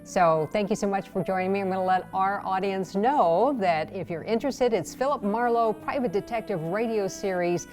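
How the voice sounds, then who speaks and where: A woman hosts an interview in a conversational broadcast style, introducing her guest and asking questions. Her medium-pitched, slightly mellow voice moves at a moderate pace with few pauses, and faint music plays behind her.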